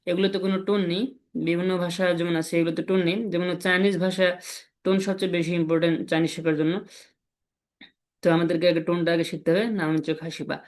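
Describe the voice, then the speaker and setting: A man teaching a language lesson, patiently explaining and repeating example syllables slowly. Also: sits high.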